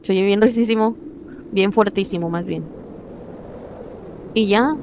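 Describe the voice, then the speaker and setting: A woman's voice: mid-range voice, unhurried, a little mellow, slight background noise. A woman giving casual gameplay commentary, chatty and often murmuring to herself. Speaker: gaming video creator.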